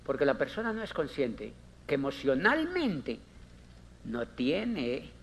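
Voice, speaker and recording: This man's pitch swoops wildly as he talks slowly in a slightly bright voice, with faint noise behind him. He's a motivational speaker at a conference, dramatic and insistent, repeating lines and acting out characters in mini-scenes.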